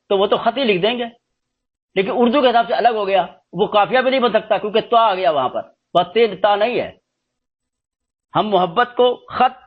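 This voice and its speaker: High-pitched man teaching, dull lo-fi sound. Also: breathy edge. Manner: slow, explanatory, spells out letters one by one. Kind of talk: spoken lesson on script and pronunciation.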